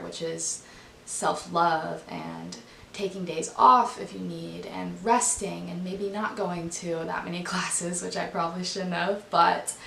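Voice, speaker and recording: A young adult woman with a raspy voice, chatting casually and informally as she narrates a vlog, often saying "like". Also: on the low side, fairly bright tone, roomy sound, slight background noise, poor audio. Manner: informal, frequent "like". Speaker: vlogger.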